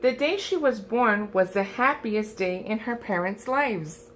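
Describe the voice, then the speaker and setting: A woman reading a picture book aloud to young children, with deliberate, expressive phrasing. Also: mid-range voice, a little hiss or hum. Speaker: storybook reader for a first grade class.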